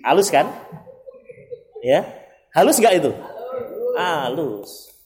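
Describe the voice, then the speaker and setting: A man's voice: a little high, sing-song, slow, darkish tone, echoey room. A man giving an emphatic religious study lecture, sprinkling Arabic phrases and acting out everyday dialogue. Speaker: Islamic preacher.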